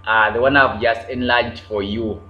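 A man's voice: mid-range voice, fairly even intonation, normal speed, bright, forceful tone. A man hosting a casual livestream, chatting, repeating himself and greeting viewers by name. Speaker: livestream host. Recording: roomy, dull lo-fi sound with faint hum.

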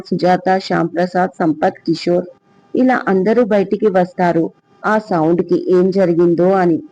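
A man reading an audio story aloud as its storyteller, in a steady, even manner. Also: sits high. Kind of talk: scripted audio story narration. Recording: dull lo-fi sound.

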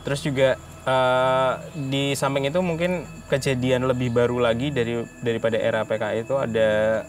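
A man's voice: mid-range voice, fairly even intonation, normal speed. A man with an Indonesian accent describing a place's negative energy in a casual chat, hesitant and full of fillers. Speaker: paranormal investigator.

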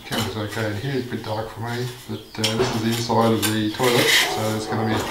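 Speaking with a lowish voice that barely moves in pitch, a man vlogs a relaxed walkaround of a construction site, both outside and in bare concrete rooms. His narration is hesitant and unhurried, set against loud rasping and knocking.

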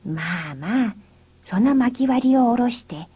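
A woman voicing an old Buddhist priest who speaks slowly and calmly in a low, half-whispered voice. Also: slightly rough, full character voice.

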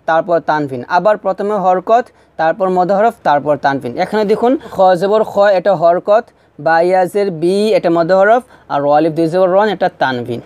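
High, clear-voiced man teaching recitation. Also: darkish tone, no echo. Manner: spells syllables slowly, stretches drawn-out words for learners to repeat; patient, repetitive explaining. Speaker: Quran reading teacher. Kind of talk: recorded recitation lesson.

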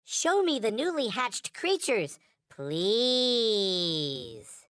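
A man's voice: high voice, big pitch swings, extremely slow, fairly bright tone, clear, resonant tone, dry recording, studio quality, exaggerated voice. A man voicing a small, polite, earnest toy alien from a video game, speaking in formal, stilted, backwards-ordered phrases. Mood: solemn, earnest. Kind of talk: video game character lines.

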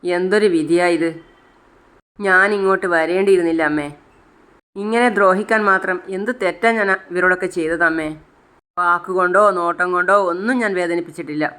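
A narrator voicing a tearful young wife, read in a smooth, near-everyday voice. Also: mid-range voice, fairly even intonation, a little fast, bright, forceful tone, natural voice. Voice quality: speaks as if crying.

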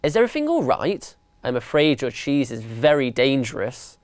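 A man voicing a scheming mouse gang boss with a crisp, officious, commanding manner. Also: mid-range voice, big pitch swings, moderate pace, no echo, clean studio sound.

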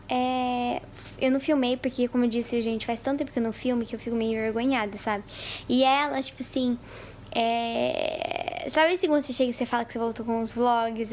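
A young woman with a high voice chats casually into a handheld camera at home, rambling and full of fillers. Now and then she drops into fond baby talk for her cat. A faint room ambience hums behind her. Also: darkish tone, slight background noise. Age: young adult. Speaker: vlogger. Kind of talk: casual vlog chat. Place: at home, first kitchen then living room.

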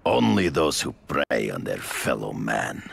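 Kraven, hammy, gravelly very deep hunter. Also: male voice, big pitch swings, full character voice. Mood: stern, righteous. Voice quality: gravelly, husky. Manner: hammy stage-actor delivery, slow and dramatic. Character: grandiose, theatrical foreign big-game hunter Kraven, middle-aged man. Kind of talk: video game character acting.

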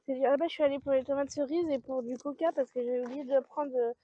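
A woman's voice: high-pitched, steady tone, fast, background noise. A woman chatting casually to camera about her grocery haul, rambling with many fillers and little laughs. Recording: dry, dull lo-fi sound.

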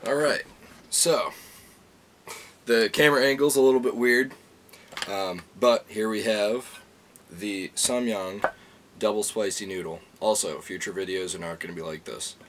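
A man's voice: fairly low pitch, measured pace, long pauses, slight background noise. A young adult man chatting in a laid-back, rambling, sweary way, full of slang, as in a home food vlog. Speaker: food challenge vlogger. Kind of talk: casual, rambling vlog chat. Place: at home, kitchen and small room. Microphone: handheld phone, later camera on desk.

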